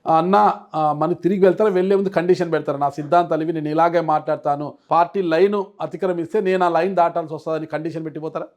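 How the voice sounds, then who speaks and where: A man's voice: on the high side, steady tone, fast talker, a little mellow. A man interviewing a political guest, asking short, prompting questions. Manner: brief prompting questions and acknowledgements. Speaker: interviewer, journalist.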